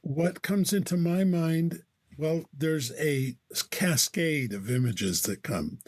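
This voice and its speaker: A man with an American accent, chatting casually in a measured, reflective way. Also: a little high. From United States. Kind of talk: casual chat.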